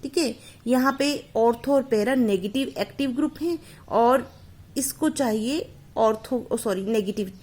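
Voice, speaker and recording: A woman's voice: a little high, unhurried, a little mellow. A woman teaching a chemistry lesson, explaining each step and often addressing her students directly. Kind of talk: classroom lecture.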